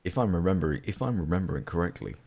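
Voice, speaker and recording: A man's voice: low-pitched, expressive, rapid-fire, gravelly, darkish tone. A man commentating casually while playing a video game, thinking aloud and rambling. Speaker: gamer playing through a game. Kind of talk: casual let's-play commentary. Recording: game music faint underneath.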